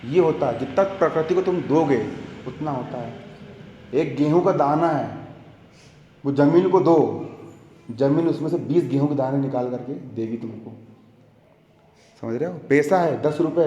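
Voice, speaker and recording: A man's voice: medium pitch, warm tone, lo-fi sound, a little hiss or hum. A young man teaching a coaching class, chatty and joking, often checking in with his students. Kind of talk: classroom lecture. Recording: echoey classroom with long reverb.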